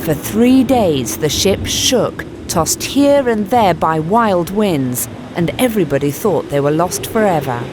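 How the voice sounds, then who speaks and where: Expressive woman reading a storybook. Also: lowish voice, unhurried, hardly any pauses, noisy background. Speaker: narrator.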